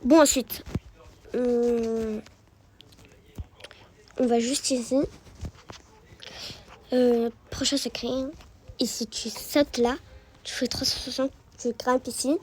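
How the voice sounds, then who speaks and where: A woman's voice: high-pitched, steady tone, a little slow, pauses often, slight background noise, poor audio. A woman giving casual gameplay commentary, chatty and repeating words as she guides the viewer. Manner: chatty, repeats words while guiding the player. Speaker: gaming YouTuber.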